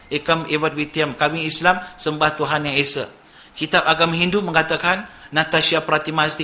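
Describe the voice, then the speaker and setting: A man delivers a sermon as a story, chatty and animated, slipping English words in among his phrases. His voice sits a little high, with a sharp, forceful edge. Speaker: preacher.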